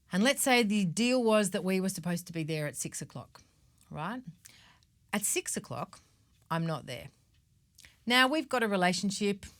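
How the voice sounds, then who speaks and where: Woman coach, slightly low voice, chatty and blunt with casual swearing. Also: a bit bright. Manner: casual, swears freely, checks in with "right?" and "okay?". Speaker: mindset coach and show host. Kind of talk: motivational talk.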